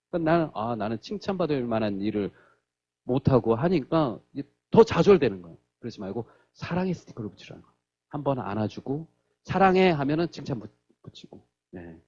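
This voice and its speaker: A man's voice: medium pitch, breathy edge, dull audio. A male pastor preaching a sermon in a church, telling stories and acting out the quotes. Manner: animated storytelling, acts out quotes.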